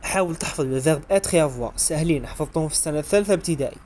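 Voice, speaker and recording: A man's voice: on the high side, racing, darkish tone, slight background noise. A man with an Algerian Arabic accent explaining French grammar as an exam revision lesson, spelling out verb endings letter by letter. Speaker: French teacher.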